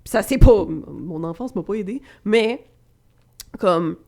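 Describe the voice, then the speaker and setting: A young woman with a Québécois French accent, co-hosting a podcast in casual, animated, teasing chat. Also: mid-range voice, unhurried. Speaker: podcast co-host, coach.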